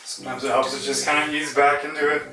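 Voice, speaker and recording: A man's voice: fairly high pitch, little pitch movement, quick pace. A man casually talking viewers through a demonstration, in the loose style of a home vlog. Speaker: vlogger demonstrating an ice bath. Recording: echoey room, distant mic, clear background music.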